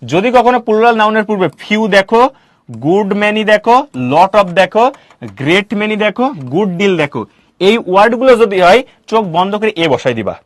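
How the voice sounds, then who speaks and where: A male teacher giving a classroom grammar lecture, quizzing students with quick questions and answering them himself. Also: sits high, lively intonation, no room sound.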